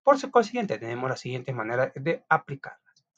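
A man's voice: medium pitch, fairly quick, slight background noise. Guy teacher going over spelling notes, chatty, voice jumps up and down a lot, dull muffled audio. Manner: lively, chatty, with restarts and asides. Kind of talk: classroom lesson reading notes aloud. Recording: dull lo-fi recording.

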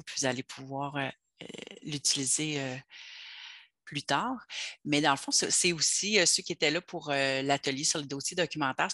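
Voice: mid-range voice, pushed and bright, dry recording, clean studio sound. An adult with a Québécois French accent leads an online workshop, explaining tools step by step in a chatty way over a video call. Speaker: workshop leader for teachers.

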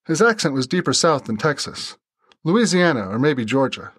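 A man reading a novel aloud in steady scripted narration. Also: a little high, normal speed, breathy edge, dry recording, clean studio sound. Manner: steady storytelling.

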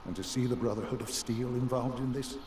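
An actor playing an older man, the calm, aloof director of a science institute in a video game, speaking in a measured, formal way. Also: medium pitch, crowd noise, natural voice. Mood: stern.

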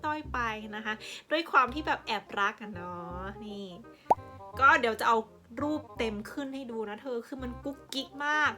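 A woman's voice: high voice, moderate pace, over music. A woman giving a casual, playful product review as a vlogger. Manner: chatty and playful, sprinkles sweet sentence endings. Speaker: vlogger reviewing a Japanese drink.

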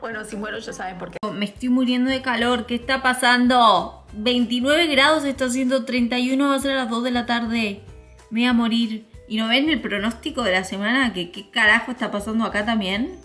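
A young woman with an Argentine Spanish accent, telling a story to her viewers in a casual, slangy and animated way. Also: fairly high pitch, fairly quick, soft background music. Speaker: vlogger.

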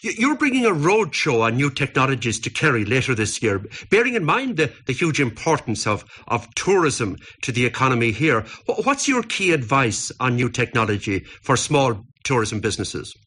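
A man with an Irish accent hosting a radio interview, asking lively questions and stumbling on his first words. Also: mid-range voice, normal speed, hardly any pauses, slightly rough. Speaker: radio host.

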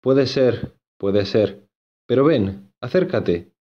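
A man playing a lovesick young gentleman. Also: medium pitch, animated, takes it slowly, lo-fi sound. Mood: earnest. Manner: earnest, insistent, repeats himself.

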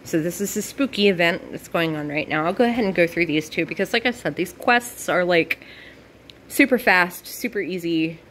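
A woman with a lowish voice gives casual commentary over a game, bubbly and gushing as she walks through tasks. She fills her talk with "like" and little asides, with a faint hum of noise behind her. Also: a little fast, few pauses. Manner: bubbly, gushing, heavy use of "like". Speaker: gaming video host.

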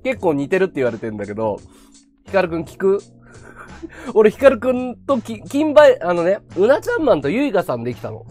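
A man's voice: high-pitched, wildly swooping pitch, a little fast, darkish tone. A man hosting a livestream, chatting casually and animatedly with viewers and laughing often. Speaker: livestream host.

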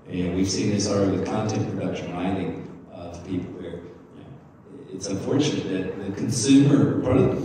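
A man's voice: fairly low pitch, warm tone, a little hiss or hum. A man speaking as a panelist in a conference discussion, reflective and restarting his sentences. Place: conference room. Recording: echoey hall, distant mic.

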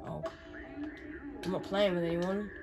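A woman's voice: lowish voice, a little slow. A woman gaming on video, reading the game's story aloud with joking asides. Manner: animated, jokey asides to the story. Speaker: gaming YouTuber. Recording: game music playing behind. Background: game music.

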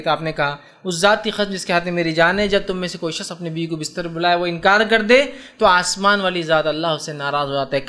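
A man preaching a sermon on hadith, animated and often asking his listeners whether they follow. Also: fairly high pitch. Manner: animated, asks listeners rhetorical questions. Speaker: Islamic preacher.

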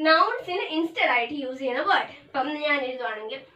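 A woman English teacher explains grammar, mixing in English terms and slowing down to spell out each definition. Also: sits high, sing-song, sharp tone. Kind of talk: classroom grammar lesson. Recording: echoey room, voice from a distance.

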